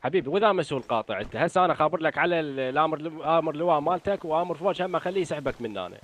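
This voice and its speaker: A man's voice: a little high, lively intonation, racing, fairly bright tone. A man with an Iraqi accent playing an arrogant member of parliament who talks dismissively and makes threats in a street confrontation skit. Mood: threatening.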